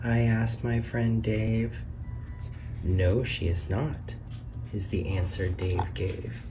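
Over music and from a distance, a man with a fairly low, steady voice takes his time reading a children's picture book aloud. He uses a sing-song delivery, lifting his voice at every question and reveal. The camera is positioned over the book, with his hands on the pages.

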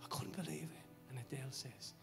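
A middle-aged man with a Dublin accent, a pastor telling a story in a sermon, swinging between loud excitement and low, hushed confiding. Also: fairly quick, creaky, loud music behind the voice. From Dublin, Ireland. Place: church service.

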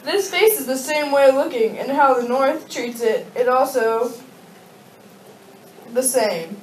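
A woman's voice: high-pitched, takes it slowly, a little mellow. Young woman as a distant, echoey sock-puppet leader. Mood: curious. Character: sock-puppet Confederate leader, commanding interviewer. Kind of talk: amateur puppet-show role-play, scripted. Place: darkened room with projection screen, puppeteers low at front. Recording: echoey room, distant mic, faint noise.

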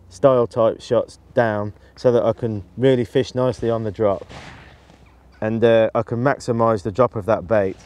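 Speaking to camera on a riverbank, a forties-aged match angler demonstrates tactics and talks through his tackle practically, frequently starting sentences over. A lapel mic captures him close, and his voice has an ordinary middle pitch with a darkish tone.

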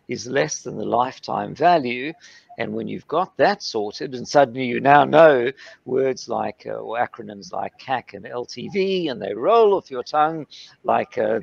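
A middle-aged man on a panel video call, explaining funding stages in a lively way and acting out founder and investor exchanges. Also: medium pitch, gravelly, husky, no room sound. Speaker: panelist, startup legal platform founder. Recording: dull, slightly lo-fi video call audio.

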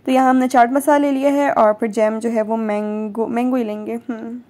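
Young woman from pakistan, chatty vlog voice, bit high and mellow, filming on her phone in a big store. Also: steady tone, normal speed. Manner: chatty, joking asides. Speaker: vlogger. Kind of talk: casual vlog narration. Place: large supermarket, indoors.

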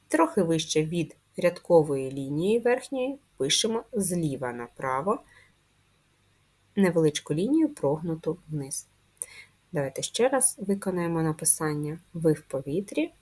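Woman, first-grade teacher; low, husky voice, patient and slow, stretches each sound. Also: big pitch swings, mellow. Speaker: primary school teacher. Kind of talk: video lesson for first graders.

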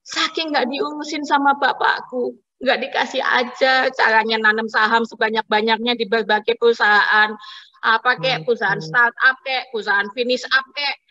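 Woman stand-up, bright and fairly high, wry satirical grumbling, slightly dull lo-fi sound. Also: big-room sound. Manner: wry, mock-complaining, acts out voices in her stories. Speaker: stand-up comedian.

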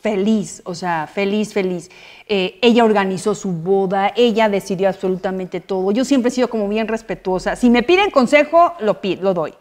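Middle-aged woman, Mexican accent, chatty storyteller, everyday mid pitch, casual interview guest. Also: normal speed, darkish tone. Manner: chatty storytelling, frequent filler phrases. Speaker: actress and guest.

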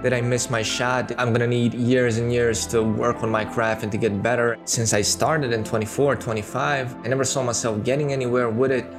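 With music playing behind him, a Serbian-accented man in his thirties chats candidly to camera for a casual home video, filler words scattered throughout. His medium-pitched voice stays fairly flat and runs a little fast with few pauses. He's a YouTuber doing a talking-head monologue indoors in a small home room, close to a boom-arm studio mic.

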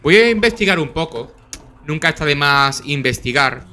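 A young man with a Spain Spanish accent giving live gameplay commentary, talking to himself in quick repeated bursts and swearing and yelping whenever he is under attack. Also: on the high side. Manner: excitable, swears and yelps when under attack. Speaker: gaming channel host.

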